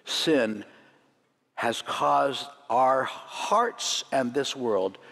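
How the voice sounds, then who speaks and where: Teaching preacher in a reverberant church. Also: male voice, mid-range voice, very slow, creaky, fairly bright tone. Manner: teaching with light jokes and chuckles. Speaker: rabbi leading a Seder demonstration. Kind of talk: sermon demonstration. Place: church sanctuary. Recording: long church hall reverb.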